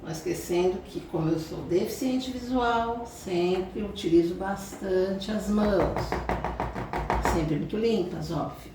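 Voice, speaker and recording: Her voice is mid-range and a little slow, with a Brazilian Portuguese accent, as she hosts a cooking lesson from her home kitchen. The Brazilian cooking channel host talks through each step casually and frequently checks in with her viewers. Expect background noise and echoey audio captured from a distance.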